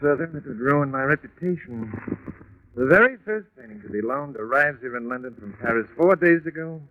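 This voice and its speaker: Actor for a pompous, earnest art patron in a 1950s radio play; tinny broadcast sound, faint hiss. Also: male voice, medium pitch, animated, brisk, close to an everyday voice. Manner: formal, self-important.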